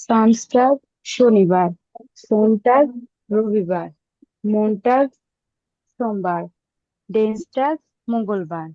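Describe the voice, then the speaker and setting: Slow woman student reciting over a call. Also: mid-range voice, no room sound. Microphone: video call. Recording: dull, dry call audio.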